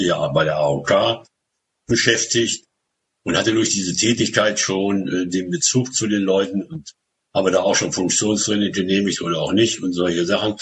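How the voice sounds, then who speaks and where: A man, answering interview questions haltingly, with many restarts. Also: deep voice, slight background noise. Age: 70s. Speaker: association group leader.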